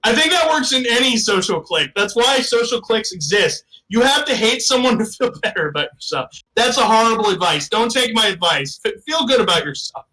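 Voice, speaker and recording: High, bright-voiced man joking around. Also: very animated, brisk, hardly any pauses, rough recording. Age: 30s. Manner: rambling, joking, self-mocking. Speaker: podcast co-host. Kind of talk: casual comedic banter.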